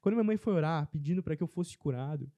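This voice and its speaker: A man telling a personal faith testimony as a podcast guest in casual chat, earnest and animated. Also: a little high, fast talker, no room sound.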